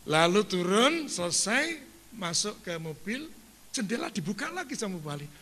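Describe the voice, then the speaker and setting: A man preaching a sermon, telling a story in a lively way and breaking into loud calls to the congregation. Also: high voice, normal speed. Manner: lively storyteller who turns to loud exhortation. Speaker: pastor. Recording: long hall reverb, faint ambience.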